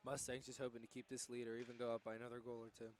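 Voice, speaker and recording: A young man doing color commentary on a student hockey broadcast, reacting quickly and excitedly to plays. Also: mid-range voice, a little hiss or hum.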